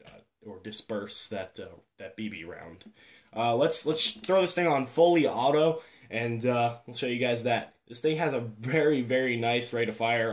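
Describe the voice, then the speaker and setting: Man, mid-range voice, casual home vlogger, halting and filler-heavy, laid-back and self-deprecating. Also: medium pitch. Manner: rambling, halting, full of fillers and restarts. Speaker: airsoft gun reviewer. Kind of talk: casual show-and-tell vlog.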